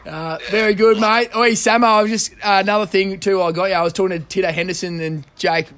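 Blokey Australian man, slightly high-voiced. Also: fairly even intonation, quick pace, fairly bright tone. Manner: blokey and slangy. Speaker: podcast host. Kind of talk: casual banter. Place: outdoors.

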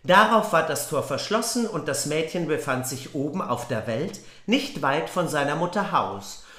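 A woman's voice: sits low, sing-song, moderate pace, a bit bright. A woman co-hosting a podcast, reading a fairy tale aloud with playful banter and joking interruptions. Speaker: podcast co-host. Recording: roomy echo.

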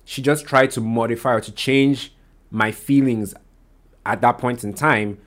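A man's voice: medium pitch, steady tone, measured pace, fairly bright tone. A man hosting a solo podcast, talking casually and rambling, often restarting and correcting himself with lots of fillers. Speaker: podcast host.

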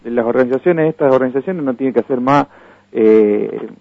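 A man's voice: medium pitch, a little fast, no room sound. A man with an Argentine accent, a campaign guest on a radio interview, who talks earnestly and keeps restarting his phrases. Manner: hesitant, many restarts and fillers, earnest. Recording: dull lo-fi dry radio recording.

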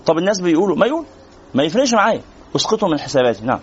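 A man with an Egyptian Arabic accent teaches a religious lesson in a high voice and at a very rapid pace. He talks to the class conversationally and takes their questions as he goes. The recording is dull and lo-fi. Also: very animated, husky.

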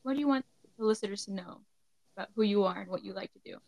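A woman podcast host reads her show intro and chats casually with a guest in an interview, her voice sounding younger than she is. She speaks at a racing pace in a medium-pitched, slightly mellow voice with no echo.

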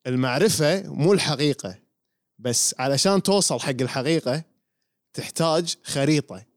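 A man's voice: a little high, expressive, normal speed, no room sound, studio quality. A man with a Kuwaiti Arabic accent, co-hosting a casual podcast and explaining ideas step by step while checking that his partner follows. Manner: explains patiently, checks that he is understood. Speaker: podcast co-host. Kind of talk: casual chat.

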